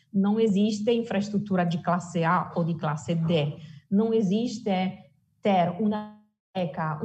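Woman, Italian accent in Portuguese, interview guest, emphatic conversational explaining, mid-pitched voice. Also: a little mellow. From Italy.

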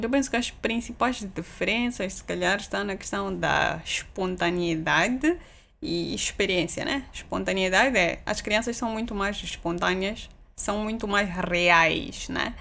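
A woman with a lowish, creaky voice answers as an interview guest. She talks casually and reflectively, explaining things with hesitant pauses and small tag questions seeking agreement. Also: a bit bright.

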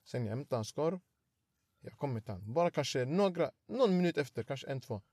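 A young man, telling an animated story in casual slangy chat and acting out the quotes. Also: medium pitch, slightly rough, no echo.

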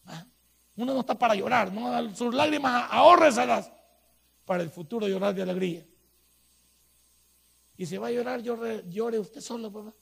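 Salvadoran pastor guy, high gravelly voice, kinda husky, preaching loud and folksy. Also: moderate pace, pauses often. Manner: colloquial, animated preaching with sudden loud bursts. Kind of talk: sermon.

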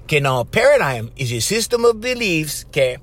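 Animated Hawaiian Pidgin-accented man, higher-pitched. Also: brisk. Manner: conversational, often checking in with "right?" and "okay?". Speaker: life coach and vlogger. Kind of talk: informal motivational talk to viewers.

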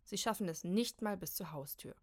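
A woman narrating a children's storybook with a lively, expressive reading. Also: medium pitch, moderate pace.

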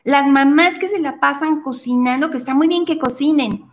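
A woman telling a fable in an expressive way, speaking directly to her listeners and drawing a moral lesson from it. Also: high voice, normal speed. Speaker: speaker, storyteller.

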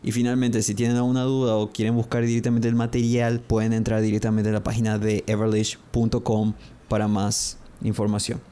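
A young man teaching English on a podcast, explaining phrases and slowly repeating each model pronunciation twice. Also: lowish voice, monotone, mellow, clear, resonant tone. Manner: explanatory, addresses listeners directly. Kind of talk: podcast language lesson.

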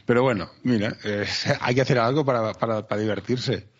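A man's voice: medium pitch, brisk. A man hosting a casual interview, chatting informally and often repeating words as he goes. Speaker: podcast host. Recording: dull sound with faint noise.

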